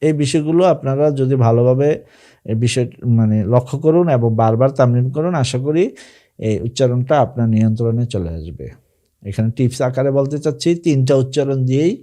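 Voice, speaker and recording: A man's voice: mid-range voice, dark tone. A man teaching a recorded Arabic grammar lesson, patiently explaining and then chanting verb forms in rhythmic repetition. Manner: explains patiently with fillers and restarts.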